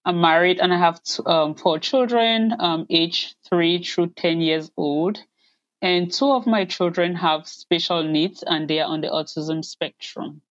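A woman from Cameroon, a parent advocate, telling her family's story in an interview, soft-spoken and hesitant with many pauses. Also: on the low side, dry recording, dull audio. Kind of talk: interview answers, personal story.

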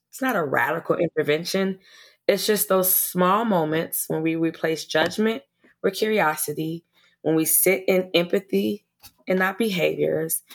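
A woman with a fairly low voice speaks as a guest on a podcast interview. She talks earnestly about her work as an educator, often stumbling and restarting her sentences. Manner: earnest, passionate, with frequent restarts and repeated words.

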